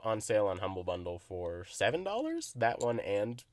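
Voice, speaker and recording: A young man co-hosting a casual podcast, his voice sitting on the low side. He swears freely and gets animated, laughing often as he talks. The recording is dry and close, with almost no room sound. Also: moderate pace, no room sound. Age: young adult. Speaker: podcast co-host. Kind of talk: casual chat.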